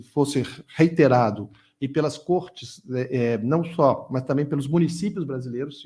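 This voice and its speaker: Middle-aged guy lecturing at a conference, rambles and restarts a lot. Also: medium pitch. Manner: discursive, frequent restarts and repetitions. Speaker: guest lecturer. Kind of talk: conference Q&A answer.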